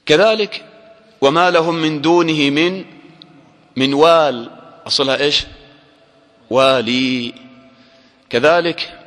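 A man teaching a grammar lesson to a class, quizzing listeners with short questions and drawing out example words slowly. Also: on the high side, a bit bright. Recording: long hall reverb.

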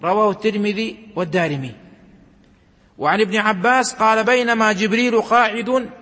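A man reading religious narrations aloud and explaining them in a measured, recitative way, slowing down for emphasis. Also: sits high, bright, forceful tone. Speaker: religious teacher. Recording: long hall reverb.

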